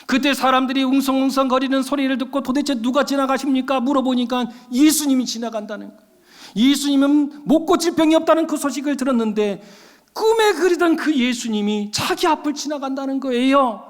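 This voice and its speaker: A man's voice: extremely high pitch, a little fast. A man preaching a sermon as pastor, emphatic and calling out often to the congregation. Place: church sanctuary. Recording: long church hall reverb.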